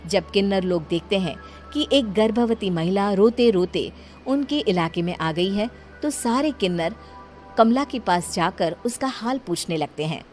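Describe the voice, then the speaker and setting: A woman's voice: medium pitch, animated, measured pace, darkish tone, soft background music. Woman narrating a dramatic horror tale. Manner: dramatic storytelling. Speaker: storyteller. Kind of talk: scripted horror story narration.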